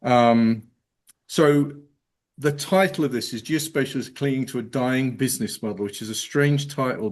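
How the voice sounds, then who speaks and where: A middle-aged man from England speaks with an English accent, presenting to a meeting from a remote video call. His talk is casual and peppered with ums, and he slips in quick, self-deprecating jokes. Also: medium pitch, a little mellow. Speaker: guest presenter.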